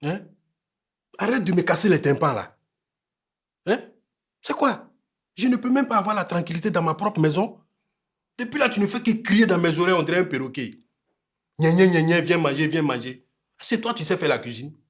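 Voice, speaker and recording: A man's voice: a little high, big pitch swings, a little fast, hardly any pauses, breathy edge, exaggerated voice. An actor with a Burkinabè French accent, playing an arrogant newly rich husband who talks down to his wife. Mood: scornful. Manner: curt and scornful at home, polite on phone.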